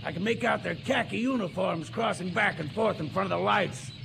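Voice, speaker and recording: An actor playing an emphatic army signal captain giving a field report in a 1930s radio drama. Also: male voice, high voice, a little fast, vocal fry. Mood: cocky, confident. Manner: military, emphatic. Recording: noisy old radio field transmission.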